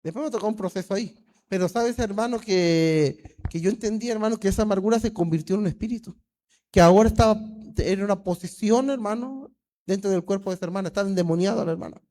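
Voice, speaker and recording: Fervent high-voiced male pastor preaching. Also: fast, warm tone. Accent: Peruvian Spanish. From Peru. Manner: preaching fervently, repeats "hermano" often. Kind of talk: sermon.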